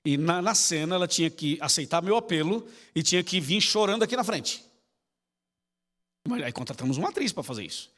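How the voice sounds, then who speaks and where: A pastor's storytelling sermon fills the sanctuary as he plays out the characters' dialogue and speaks straight to his listeners. He has a fairly high, slightly bright voice and an expressive, brisk delivery. Piano music sits behind him under a long hall reverb.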